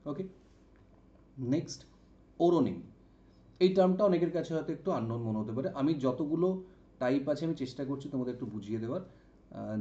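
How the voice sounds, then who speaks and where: Mellow-voiced man teaching vocabulary. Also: on the high side. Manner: explains slowly, repeats words and asks "ok?". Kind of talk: exam-prep lesson. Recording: dull, echoey room sound.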